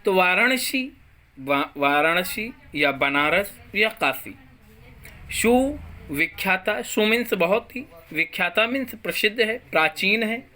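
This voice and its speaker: Teacher, classroom lesson, slow delivery, forceful bright tone, word-by-word explaining. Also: mid-range voice, expressive. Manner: explains text word by word, mixes in English words; recites verse lines aloud. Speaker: school teacher.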